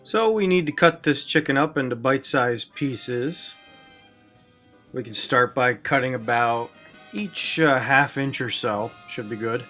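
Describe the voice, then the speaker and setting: A man's voice: mid-range voice, unhurried, pushed and bright, faint music behind. A man hosting a cooking video, walking through a recipe step by step with wry, self-deprecating jokes. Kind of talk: cooking demonstration with jokey asides.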